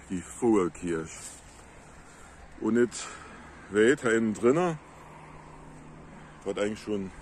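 A man with a Moselle Franconian dialect explaining plants on a casual nature walk outdoors in the countryside, in a halting, unhurried way. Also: lowish voice, a little mellow, a little hiss or hum. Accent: Moselle Franconian dialect of the Saar-Moselle area. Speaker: local nature video maker.

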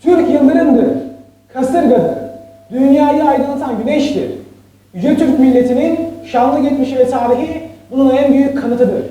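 Rousing orator, played by an actor, dark high voice, booming far-off echo. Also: measured pace, lo-fi sound. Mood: fervent. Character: fervent patriotic orator. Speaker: speechmaker in a stage play. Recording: echoey hall, distant mic.

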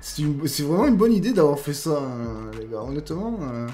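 A man's voice: fairly high pitch, lively intonation, brisk, warm tone. A man with an accent, casually commenting over gameplay as he reviews game mods, with lots of fillers and friendly asides to his viewers. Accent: non-standard French accent. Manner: chatty, many fillers, addresses viewers as guys. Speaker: gaming YouTuber reviewing mods.

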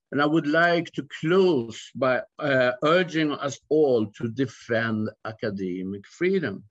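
A man in his sixties giving a measured academic talk over a video call from his home study. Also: medium pitch. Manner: measured, slow lecturing with fillers. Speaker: academic presenter. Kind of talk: online conference talk. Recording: muffled video call audio.

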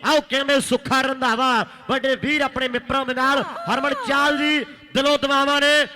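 A man's voice: very high-pitched, flat delivery, moderate pace, background noise. A man with a Punjabi accent announcing at a rural kabaddi match as co-commentator, calling out names. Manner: calls out names, echoes his partner.

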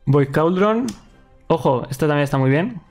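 A man's voice: a little high, lively intonation, normal speed, darkish tone. A man in his thirties from Spain with a Castilian accent, hosting a casual chat while opening card packs, laughing often and bantering. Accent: Castilian Spanish. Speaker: channel host. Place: indoor streaming room. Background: faint background music.

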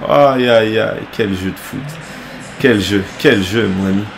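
Over music, a young French man streams gameplay live, bantering with chat while he swears and groans in frustration at the game. He speaks at a measured pace in a fairly low, creaky voice.

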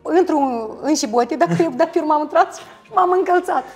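A woman's voice: high-pitched, a little mellow, faint music behind. A woman, a folk singer interviewing a guest in playful, joking chat.

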